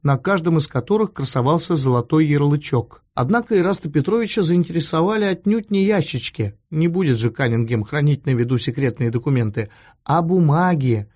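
A man reading a novel aloud as an audiobook narrator, in a measured, expressive way. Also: on the high side. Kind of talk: scripted literary narration.

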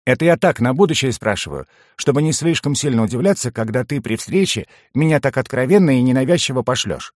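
A man's voice: medium pitch, lively intonation, brisk, few pauses, dry recording, clean studio sound, pitched above the performer's own voice, close to an everyday voice. A man doing a mocking goblin jester. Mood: teasing. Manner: teasing, sarcastic. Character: cheeky male goblin jester, mocking and talkative.

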